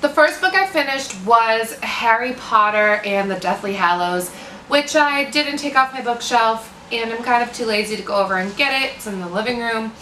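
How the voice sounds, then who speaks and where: A young American woman chatting casually as a book vlogger, with informal, animated asides. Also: fairly high pitch, moderate pace. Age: young adult. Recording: roomy, distant mic, faint noise.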